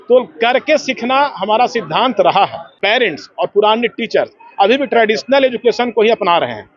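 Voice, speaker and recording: A man who heads a school, speaking to a news camera in an earnest, emphatic, lecturing way. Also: high-pitched. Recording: dull lo-fi news audio.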